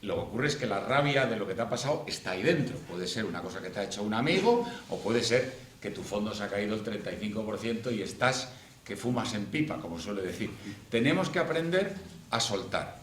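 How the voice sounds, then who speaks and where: A middle-aged man gives a lively conference talk as a financial coach, voice pitched in the middle range. He keeps it chatty and acts out quoted lines. The sound is roomy and echoey with a faint hum of noise underneath. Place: conference room.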